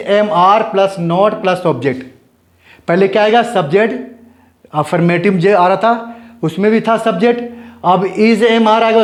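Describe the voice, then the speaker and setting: A man teaching an English grammar lesson, explaining step by step and answering his own questions. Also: high voice. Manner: spells out letters slowly and repeats words.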